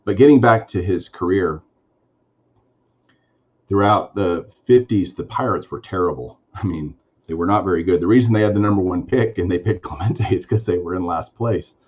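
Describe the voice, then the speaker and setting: Speaking at normal speed, this man's low voice carries a breathy edge, and the audio lacks its high end. As co-host of a sports card podcast, he chats casually and eagerly, rambling with frequent fillers.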